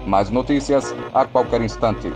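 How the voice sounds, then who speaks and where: A man's voice: mid-range voice, measured pace, natural voice. Man as an urgent radio newsreader over music. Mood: urgent, formal. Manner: formal, announcing. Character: urgent radio newsreader giving an emergency bulletin. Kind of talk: news bulletin within a radio play.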